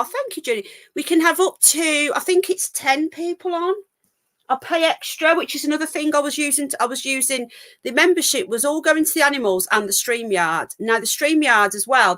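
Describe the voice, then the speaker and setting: Her voice sits on the high side and sounds a bit bright as she runs a casual call-in livestream from home. A little full of cold and speaking into a laptop mic, she talks frankly and rambles.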